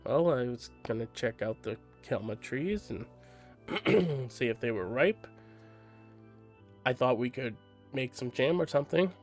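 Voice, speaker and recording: A man's voice: mid-range voice, expressive, a little slow, long pauses, faint music behind. A man reading aloud and voicing a stubborn, feisty young girl who talks bluntly and with sass. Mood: blunt sassy. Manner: blunt, sassy, exasperated.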